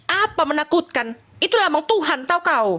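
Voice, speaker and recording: High-voiced woman scolding in an online debate. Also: lively intonation, a little fast, noisy background. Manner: combative, scolding, repeats short jabs. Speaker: debate participant. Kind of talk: heated live online debate. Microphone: video call.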